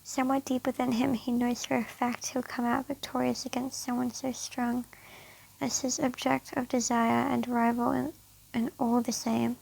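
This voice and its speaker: A woman's voice: on the high side, little pitch movement, normal speed, creaky, a little mellow, husky, rough recording. A woman reading fan fiction aloud on her channel with a sore throat, often stumbling and rereading phrases.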